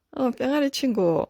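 A woman chatting as she unboxes toy figures. Her pitch leaps up and down as she exclaims and talks to herself. Wrapping crinkles behind her. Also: vocal fry, a little mellow, dry recording, studio quality. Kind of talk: casual unboxing chat.

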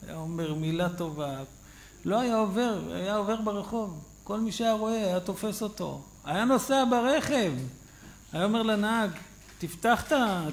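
A male rabbi giving a sermon, telling stories in an animated, conversational way. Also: sits high, creaky, a little hiss or hum. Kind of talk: sermon storytelling. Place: synagogue.

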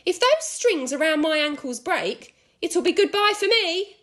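A woman's voice: very high-pitched, animated, a little slow, fairly bright tone, voice pushed up, full character voice. A woman voicing an ugly, beastly old wife who cries out frantically in a children's storybook. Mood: silly, alarmed. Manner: exclaiming, crying out.

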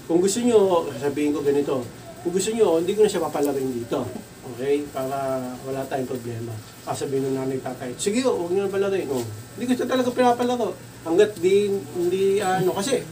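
A Filipino man who runs a computer shop, casually telling a story and acting out the dialogue in a raised voice. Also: a little high. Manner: animated, acts out dialogue in raised voice. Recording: distant mic with faint background noise.

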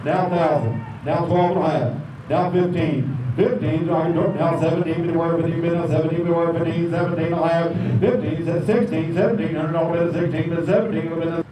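Auctioneer, man, high voice, rapid bid chant, caught from far off with heavy echo. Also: steady tone, crowd noise. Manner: rapid rolling bid calls. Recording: distant echoey dull noisy outdoor capture.

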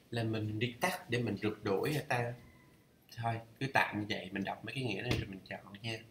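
Vietnamese guy studying english idioms out loud, reads slow and checks himself, echoey room w/ faint hum. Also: lowish voice. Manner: thinks aloud, reads English phrases slowly, checks pronunciation. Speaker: learner reading a course aloud. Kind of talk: casual study vlog, explaining English idioms.

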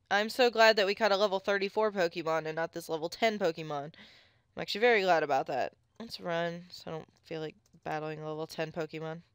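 Excitable woman narrating her gameplay. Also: fairly low pitch, clean tone, dry recording, studio quality. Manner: chatty, excitable, squeals at finds. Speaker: let's play gamer. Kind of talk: casual gameplay commentary.

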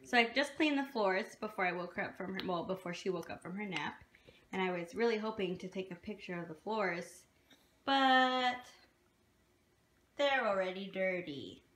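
A woman vlogger in her twenties, with a medium pitch, a slightly bright tone and normal speed, chats playfully to a phone held at arm's length. She's in small indoor rooms and a parked car, and the handheld phone audio is noisy.

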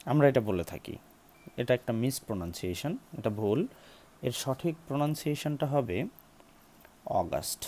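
This English pronunciation teacher sounds animated and warm at a medium pitch, with slight background noise. Going slowly, he spells words, repeats each several times to drill it, and puts questions to his viewers.

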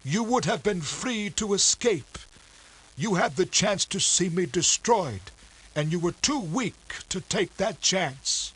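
A man's voice: high-pitched, lively intonation, a bit bright, slightly rough, voice pushed up, exaggerated voice, poor audio. Man doing a dying, bitter old sea captain. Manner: gasping, grave, drawn-out delivery.

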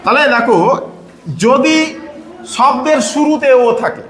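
A man teaching a phonics lesson to pupils, patiently repeating sounds slowly and quizzing them. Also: extremely high pitch, fairly bright tone. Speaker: English teacher. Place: echoey classroom with pupils. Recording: echoey room, faint background noise.

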